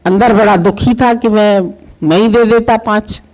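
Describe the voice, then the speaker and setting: A woman's voice: medium pitch, measured pace, darkish tone, poor audio. A woman spiritual teacher delivering a devotional sermon, telling a parable and acting out its dialogue.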